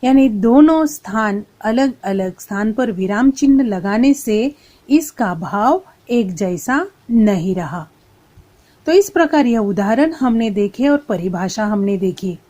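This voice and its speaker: A woman's voice: mid-range voice, dark tone. A woman teacher giving a Hindi grammar lesson to school students, patiently restating each point. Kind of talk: slow explanatory classroom lesson.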